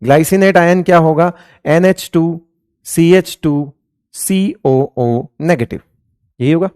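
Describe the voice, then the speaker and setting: A man's voice: a little high, takes it slowly, a little mellow, clear, resonant tone, no room sound, clean studio sound. A man teaching chemistry in Hindi, asking the class questions over and over and answering them himself, calling his students beta. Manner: addresses students fondly as beta and raja. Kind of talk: classroom lecture.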